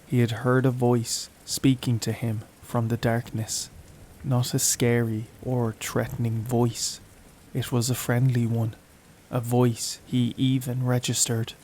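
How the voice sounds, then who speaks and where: A man narrating a horror story in a slow, even, somber read. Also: medium pitch, slight background noise. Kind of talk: scripted narration.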